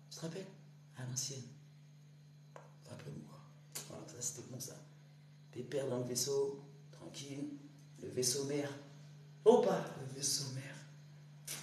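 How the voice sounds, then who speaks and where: A woman giving a rambling spiritual monologue to her online audience. She talks straight to the listener in street slang and swings between hushed whispers and loud outbursts. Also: sits low. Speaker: spiritual speaker. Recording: roomy echo with faint hum.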